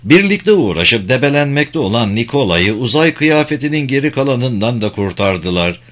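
Man narrating an audiobook, measured. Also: mid-range voice, a bit bright. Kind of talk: scripted narration.

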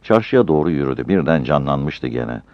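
A very deep male voice reads a story in a calm, measured way, his pitch moving with lively expression. The sound is dry and close, with a somewhat dull, lo-fi tone. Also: no room sound. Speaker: narrator. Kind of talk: audiobook reading.

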